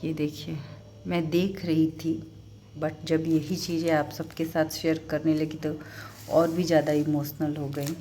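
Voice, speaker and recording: A young woman vlogger talking casually and emotionally as she shows wedding photos, speaking softly and haltingly at home. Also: sits low, flat delivery, slight background noise. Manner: soft-spoken, halting and emotional. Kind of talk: casual vlog chat showing a wedding album.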